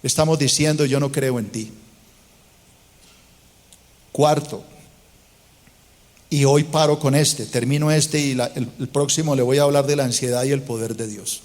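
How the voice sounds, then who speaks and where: A man's voice: mid-range voice, fairly even intonation, measured pace, pauses often, a little mellow. A man preaching a fervent sermon with a Colombian Spanish accent, in a church auditorium, mocking complainers in put-on voices between points. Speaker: pastor. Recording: long reverb of a church auditorium.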